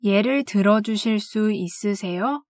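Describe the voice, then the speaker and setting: A woman's voice: mid-range voice, a little mellow, no room sound. Woman, language teacher, scripted phrase drill, careful, very dry close sound. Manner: slow and careful, each phrase said twice.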